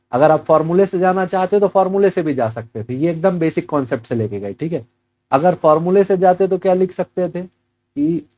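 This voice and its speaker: Man, physics teacher, slightly high voice, mellow tone, questions and answers himself, mixes Hindi and English. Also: low-quality recording. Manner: asks and answers his own questions. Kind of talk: exam problem walkthrough.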